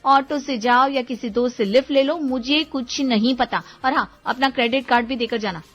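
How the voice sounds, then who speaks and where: A woman's voice: sits high, normal speed, highs cut off, faint music behind. A woman voicing a bossy, dramatic young wife in a cartoon, sassy and demanding. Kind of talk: cartoon voice acting.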